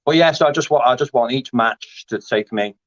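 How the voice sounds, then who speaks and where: A grappling competitor in his thirties chats casually in an interview about his grappling, rambling with many fillers and restarts. His medium-pitched voice moves fairly quickly, and the audio is dry, dull and lo-fi with no room sound.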